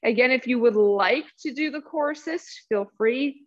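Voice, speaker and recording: Woman, workout coach, somewhat high voice, breathless, counting down reps, muffled recording. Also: moderate pace. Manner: upbeat coaching cues with countdowns. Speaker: fitness coach. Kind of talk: workout instruction. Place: exercise space.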